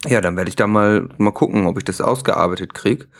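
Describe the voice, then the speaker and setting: A man hosting a comedy podcast, talking deadpan and fake-earnest with hesitant restarts. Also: on the low side, a little fast. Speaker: podcast host.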